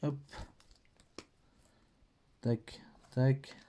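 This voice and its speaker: A man's voice: medium pitch, steady tone, drawn-out words, dark tone. A man with a French accent teaching a patient, step-by-step lesson, thinking aloud as he writes.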